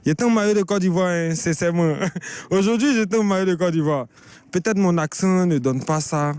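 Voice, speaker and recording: A man's voice: high-pitched, fairly quick, a little mellow, smooth, no room sound. A man in his thirties interviewed on the street, talking animatedly and often repeating himself. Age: 30s. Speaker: passer-by interviewed. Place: outdoors on a city street.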